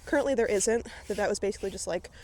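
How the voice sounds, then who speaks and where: A woman's voice: medium pitch, racing, warm tone, slight background noise. A woman vlogging while she grooms her horse outdoors at a barn. She chats in a rambling way with lots of filler words and sounds out of breath. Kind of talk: casual chatty vlog while grooming a horse.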